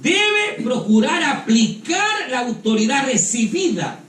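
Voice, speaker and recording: A man with an extremely high-pitched, very animated, slightly bright voice preaches fervently and slowly at a church retreat, often calling out "hermano" and "aleluya" and repeating words as he hunts for them. He's in a church hall, recorded from a distance with a mic that picks up the echo, plus slight background noise.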